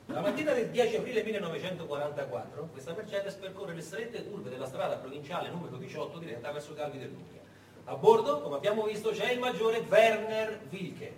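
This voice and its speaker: A male stage storyteller gives a theatrical, dramatic narration of wartime history, often posing rhetorical questions to his audience. His high voice swings widely in pitch. He's recorded in an echoey room from a distant mic, with faint noise.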